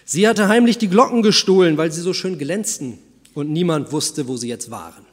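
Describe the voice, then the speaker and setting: A man preaching a sermon, first telling a fable in a calm storytelling manner and then speaking to the congregation. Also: a little high, moderate pace. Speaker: pastor. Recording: long church reverb.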